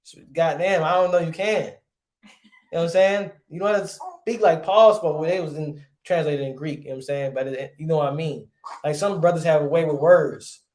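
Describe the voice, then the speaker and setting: A man's voice: fairly high pitch, fairly quick, darkish tone. A man teaching a casual classroom lesson in a conversational way, often asking rhetorical questions. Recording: roomy echo.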